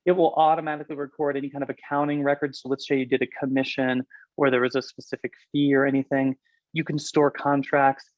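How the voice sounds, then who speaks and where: A man presenting a software walkthrough on a webinar, talking quickly and chattily with some fillers. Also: fairly high pitch, no room sound, lo-fi sound. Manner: fast, chatty, explanatory with fillers. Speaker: product presenter.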